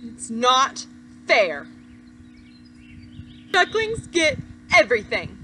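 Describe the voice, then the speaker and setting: A woman voicing a whiny, indignant pigeon from a picture book, complaining with dramatic, drawn-out emphasis. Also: very high voice, pushed and bright, full character voice. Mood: sulky.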